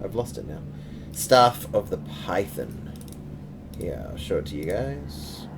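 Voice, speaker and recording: A man with a low-pitched voice runs a tabletop game as game master. He narrates casually and explains things to players. There is clear noise in the recording. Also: sing-song, unhurried.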